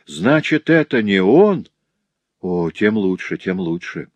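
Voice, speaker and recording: A man's voice: fairly low pitch, very animated, slow pace, dry recording, heavily acted. A man voicing a grief-stricken, furious artisan father in an audiobook reading. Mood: bitter. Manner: anguished shouting, bitter outbursts. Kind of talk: audiobook character voice.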